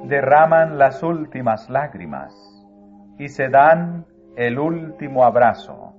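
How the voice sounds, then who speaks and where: Slow, solemn male religious narrator. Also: medium pitch, lively intonation. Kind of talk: scripted religious book reading. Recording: phone-like narrow sound, faint music.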